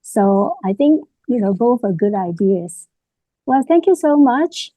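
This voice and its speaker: A woman's voice: on the high side, animated, a little slow, warm tone, no room sound, low-quality recording. A woman moderating a webinar on a video call, closing with thanks and frequent "you know" fillers.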